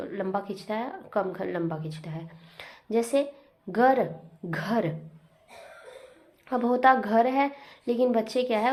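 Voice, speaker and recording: High-voiced woman teaching grammar. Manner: explains with repeated examples and "matlab" asides. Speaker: Hindi teacher. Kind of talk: classroom lesson.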